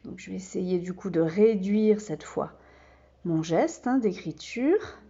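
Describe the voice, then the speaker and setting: Slow, patient woman teaching. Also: mid-range voice, expressive, creaky, warm tone, husky, lo-fi sound. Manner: patient, with many fillers. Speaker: kindergarten teacher. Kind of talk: slow step-by-step demonstration.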